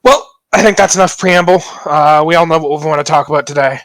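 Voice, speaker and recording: A man's voice: fairly high pitch, quick pace, a bit bright, no echo. Rambling young man hosting a podcast. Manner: joking, rambling, self-deprecating. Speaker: podcast host. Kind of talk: casual podcast banter.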